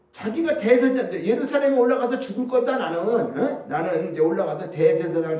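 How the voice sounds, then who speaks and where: A man's voice: sits high, mellow, roomy sound, far from the mic. A man preaching a sermon as pastor, talking conversationally and asking his listeners rhetorical questions. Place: church sanctuary.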